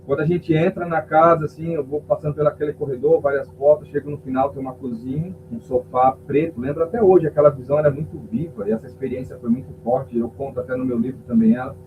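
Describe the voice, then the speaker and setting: A man's voice: medium pitch, steady tone, fast, few pauses. A male pastor, telling an emotional testimony in a podcast interview and acting out the voices of people in his story. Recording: tinny phone-like sound with faint hum.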